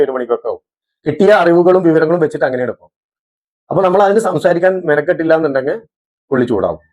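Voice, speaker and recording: A man's voice: a little high, a little mellow. A man with a Malabar Malayalam accent, vlogging in an indignant, accusing monologue. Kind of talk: casual vlog monologue. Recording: dull lo-fi audio.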